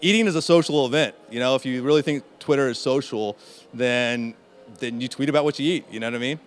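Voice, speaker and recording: A man talking as an interview guest in a casual conference chat, with many fillers and halting restarts. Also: medium pitch. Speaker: interview guest, in-house SEO specialist.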